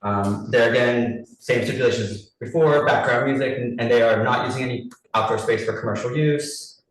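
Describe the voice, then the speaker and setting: A man with a mid-range voice chairs a public committee meeting over a group video call, reading out license terms and running a vote. He's brisk and businesslike, with small restarts as he works through lists. The distant mic gives a very roomy echo, and faint noise sits underneath.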